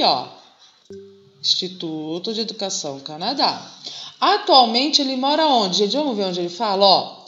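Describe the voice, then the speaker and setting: A Brazilian woman teaches a grammar lesson in a patient, step-by-step way, often pausing to check that her listeners follow. Her voice echoes around the room. The sound is a little dull. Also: mid-range voice, pushed and bright. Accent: Brazilian Portuguese. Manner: patient, explains slowly with many "tá?" and "né?" checks. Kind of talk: classroom lesson video.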